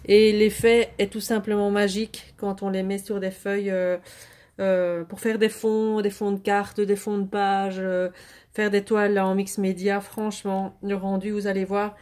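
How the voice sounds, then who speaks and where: A woman with a mellow, warm tone and a middle-range pitch, chatting her way through a craft haul. She talks in a hesitant, halting way, full of fillers and self-corrections, yet sounds genuinely keen on everything she shows. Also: little pitch movement. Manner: hesitant, many fillers and restarts; enthusiastic about the products. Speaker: craft vlogger showing a product haul. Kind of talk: casual product haul chat.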